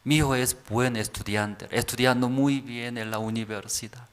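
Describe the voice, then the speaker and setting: A man's voice: mid-range voice, fairly even intonation, moderate pace, smooth, natural voice. A man voicing a grieving parent who bitterly blames another family's child. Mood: lamenting.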